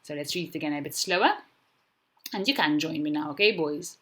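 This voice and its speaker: A woman with a Maltese accent, a primary school teacher recording a video lesson, speaking slowly and clearly and sounding out letters for young children. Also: deep voice, a bit bright.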